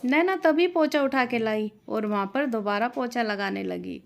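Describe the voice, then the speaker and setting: A woman narrating a scripted family story in a steady, plain storytelling manner. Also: on the high side, normal speed, creaky.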